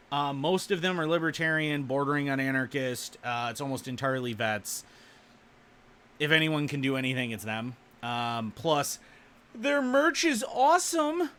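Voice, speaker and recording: A man hosting a show, giving sarcastic, animated political commentary while reading the news aloud. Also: fairly high pitch. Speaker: show host.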